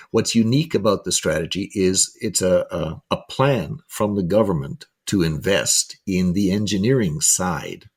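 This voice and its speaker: A man hosts a podcast and explains a point at length in a low voice. His tone is husky, and he often restarts and repeats words as he goes. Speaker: podcast host.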